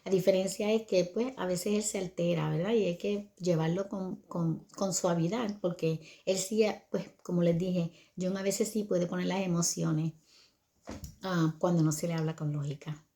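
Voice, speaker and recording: A woman's voice: on the low side, steady tone, normal speed, dark tone. An older woman telling viewers a family story about raising her son, in a conversational manner that often checks in with listeners.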